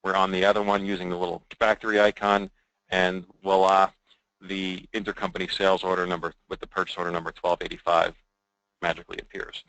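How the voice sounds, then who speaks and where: A deep voice with a crisp, forward edge belongs to a man giving a software demo at a fairly quick pace and a level tone. He chats informally, as if guiding colleagues through slides, checking in with "right?", on a close, dry, low-quality recording with no room sound.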